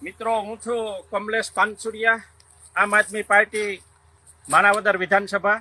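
A man's voice: high voice, flat delivery, moderate pace, sharp tone. A man speaking for farmers in an earnest direct statement, answering a minister by name. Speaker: opposition party worker speaking for farmers.

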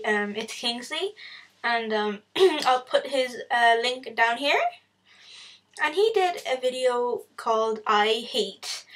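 A woman's voice: on the high side, a bit bright, poor audio. A woman vlogger ranting casually and with exasperation about everyday annoyances, swearing freely.

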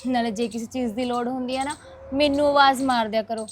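A caring young neighbour, played by a woman, soothing and reassuring. Her voice is high-pitched. She speaks in a short village drama. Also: steady tone, fast, a little hiss or hum, close to an everyday voice.

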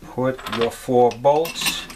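Guy slowly talking through a pump repair at his workbench, lots of uhs, faint hiss behind. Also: mid-range voice. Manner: plain, step-by-step, with many "uh" fillers. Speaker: HVAC supply instructor. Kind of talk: how-to repair demonstration. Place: workshop bench with a vise.

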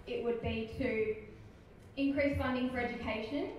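A woman in her twenties giving a formal, measured answer as a pageant contestant. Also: a little high, steady tone, a little mellow, far from the mic. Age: 20s. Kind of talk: formal prepared-sounding stage answer. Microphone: microphone on a stand, heard through hall. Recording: echoey hall from afar, faint noise.

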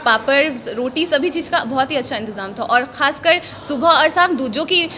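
A woman's voice: sits high, lively intonation, moderate pace, bright, forceful tone, a little hiss or hum. A woman recruit describes the details one by one into a handheld mic. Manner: detailed, listing. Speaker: police sub-inspector recruit. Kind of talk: interview answer.

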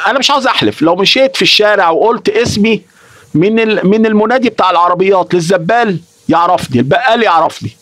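A man's voice: high voice, a bit bright, no room sound. A young Egyptian man chatting on a live stream, emotional and repeating himself, swearing oaths as he talks. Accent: Egyptian Arabic. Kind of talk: casual live-stream chat.

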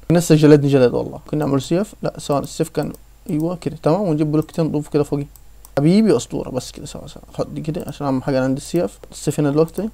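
A young Egyptian man hosting a let's-play, joking around and breaking into excited outbursts. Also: fairly high pitch, vocal fry. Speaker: gaming channel host. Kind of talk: casual let's-play chat.

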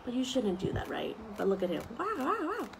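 Outdoors on a wooden deck among trees, a woman reads a children's picture book aloud at story time, adding asides. Her high voice is animated, fairly quick, and creaky, and there's heavy background noise. She's expressive, giving simple explanations aimed at young children.

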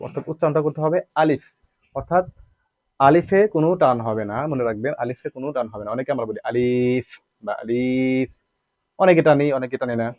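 A man's voice: mid-range voice, no room sound, dull audio. Patient man teaching letter sounds. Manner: patient, repetitive explaining with frequent rhetorical questions; draws out letter sounds to demonstrate them. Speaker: Quran recitation teacher. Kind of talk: spoken lesson on Arabic letter pronunciation.

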